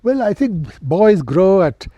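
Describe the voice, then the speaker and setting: A man of ninety with a posh Indian accent, reminiscing as an interview guest in an educated, measured way with hesitant pauses. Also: high-pitched, sing-song, mellow, no echo. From central India. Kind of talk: reminiscing in conversation.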